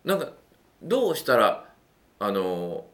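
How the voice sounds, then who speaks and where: A man talking through dating advice in a casual monologue, animated and acting out little quotes, with a self-affirming "un" between points. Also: takes it slowly. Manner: animated, swoops widely in pitch, acts out quotes.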